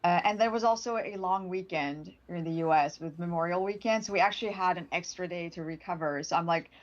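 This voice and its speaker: A woman from Sweden, Swedish by first language, talks briskly in a fairly low voice over lo-fi audio. She's a product manager guesting on a casual livestream interview, upbeat and talkative, laughing often and frequently starting over.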